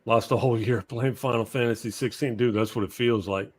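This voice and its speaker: A man's voice: mid-range voice, steady tone, brisk. Podcast guest, male, forties, laid-back rambling talker. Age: 40s. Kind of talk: casual chat.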